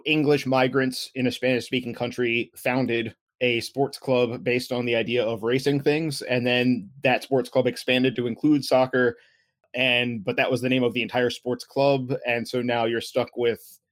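A man's voice: mid-range voice, little pitch movement, moderate pace, no echo. Wry, rambling man on a dry mic. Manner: rambling, self-correcting, wry. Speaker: podcast co-host. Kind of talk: casual sports podcast chat.

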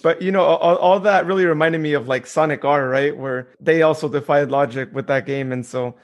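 A man co-hosting a podcast with a fairly high voice. He rambles along casually with lots of fillers and restarts, building his points slowly. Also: lo-fi sound. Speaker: podcast co-host.

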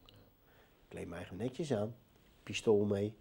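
Male interview guest, personal testimony, warm dark tone, animated storytelling. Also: fairly low pitch, takes it slowly, gravelly, husky. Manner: lively storyteller who acts out dialogue. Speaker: interview guest telling his life story.

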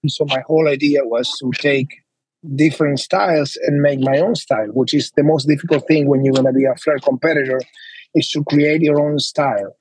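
Argentine guy, husky voice, dry close sound, rambly and earnest. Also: a little high, steady tone, a little fast, a little mellow, dry recording, poor audio. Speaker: guest, flair bartender. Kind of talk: casual interview.

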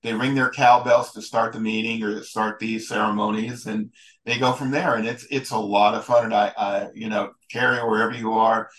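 A man with a lowish voice talks casually as a podcast guest, rambling along and restarting his sentences often. He sounds relaxed and conversational, answering questions at length. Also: poor audio. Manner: rambling, halting, with many restarts. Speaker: guest, ballpark photographer and historian. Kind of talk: casual interview talk.

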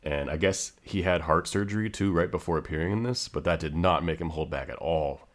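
A man with a very deep voice speaks as a guest in a film discussion. He is informal and enthusiastic, chatting casually. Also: a little fast. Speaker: guest podcaster.

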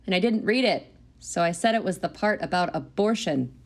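In a naturalistic audio drama, a woman in her thirties plays an anxious, self-doubting new schoolteacher with a wry edge. Her voice is on the low side, animated and earnest, at a moderate pace.

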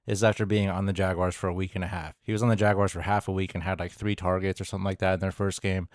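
A man's voice: low voice, flat delivery, racing, no room sound, clean studio sound. A man co-hosting a fantasy football podcast, talking in an easygoing, joking way with frequent fillers. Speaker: podcast co-host. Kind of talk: casual fantasy football chat.

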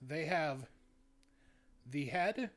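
A man narrating a tabletop game as game master, describing scenes in a halting, searching way. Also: fairly high pitch, lively intonation.

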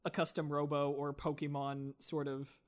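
Higher-voiced man, animated and swearing. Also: moderate pace. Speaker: podcast co-host. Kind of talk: casual chat.

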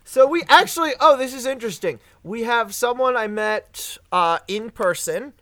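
A man with a fairly high voice hosts a relaxed fan panel, cracking jokes and tossing off quick asides. He sounds dry and close to the mic. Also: no room sound. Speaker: panel host. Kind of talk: casual panel chat.

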